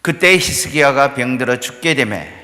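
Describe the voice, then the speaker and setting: A man preaching a sermon as pastor of his church, building to fervent peaks and dropping low between them. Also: lively intonation, moderate pace, bright, forceful tone. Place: church sanctuary. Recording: echoey church hall reverb.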